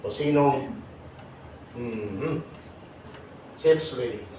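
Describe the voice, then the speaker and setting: A man leading a seminar for overseas workers, teasing and questioning the audience in a lively way. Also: medium pitch, very slow. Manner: teasing, jokey, calls on audience members. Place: large hall with audience. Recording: echoey hall, voice from far off, noisy.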